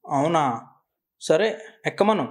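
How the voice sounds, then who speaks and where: A man's voice: a little high, takes it slowly, a little hiss or hum. A man voicing a kindly adult jeep driver who patiently gives in to a squirrel's requests in a cartoon. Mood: calm. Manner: patient, reassuring. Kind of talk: cartoon voice acting.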